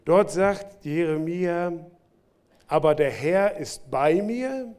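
Male pastor, slightly high voice, animated sermon delivery with big swings in volume. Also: slow, smooth. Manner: lively preaching with sudden loud bursts and quiet drops. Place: church.

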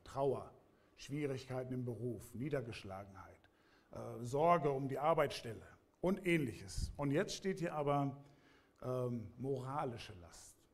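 Pastor preaching plainly to listeners. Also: male voice, fairly high pitch. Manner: plain, conversational preaching, addressing listeners directly. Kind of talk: sermon.

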